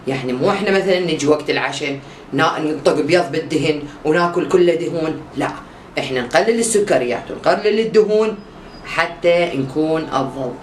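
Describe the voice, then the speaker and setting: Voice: mid-range voice, fairly quick, recorded from a distance, lightly acted. Brusque, short-tempered diet doctor played by a performer, Iraqi accent, comedy sketch, echoey room, voice set back from the mic. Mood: instructive. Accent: Iraqi Arabic. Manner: curt, brusque. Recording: echoey room, voice from afar, faint hiss.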